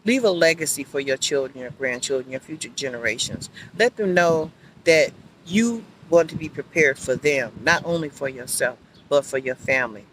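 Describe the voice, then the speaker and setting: A woman's voice: extremely low pitch, lively intonation, moderate pace, a bit bright. A woman who works as a life insurance agent, talking to her viewers in an upbeat, chatty vlog while she is out on a walking track. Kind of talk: casual outdoor vlog. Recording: outdoor traffic noise.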